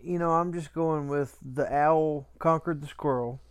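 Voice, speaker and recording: A man's voice: a little high, steady tone, measured pace, clean tone. A man co-hosting a podcast with folksy, colloquial phrasing, trading casual banter and telling stories. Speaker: podcast co-host.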